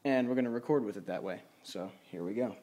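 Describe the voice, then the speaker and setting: Fast-talking and warm, a man with a lowish voice casually shows his home studio setup in a dim room at his computer, with some self-deprecating remarks. The recording from a handheld camera or phone mic sounds muffled, with slight background noise and music playing.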